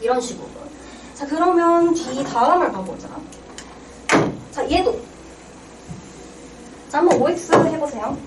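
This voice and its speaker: This young woman, a Korean reading tutor, speaks in a high pitch at an unhurried pace, pausing often. In her exam-prep reading lecture she quizzes students and answers her own questions, captured by a roomy, distant mic amid clear background noise.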